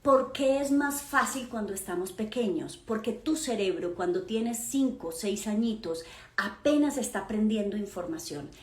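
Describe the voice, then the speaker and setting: A woman's voice: medium pitch, lively intonation, moderate pace. A woman gives a live motivational lesson, telling stories fondly with pet names, diminutives and emphatic asides to the listener. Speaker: mother and personal-growth speaker. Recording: roomy echo.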